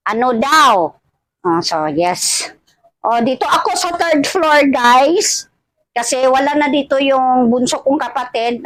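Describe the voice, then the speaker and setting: A Filipino woman with missing front teeth chatting casually to her vlog viewers, halting and often repeating her words. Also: a little high, fairly bright tone, dry recording, rough recording. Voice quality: speech of someone with missing front teeth, wearing old dentures. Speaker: vlogger. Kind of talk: casual rambling vlog chat addressed to viewers.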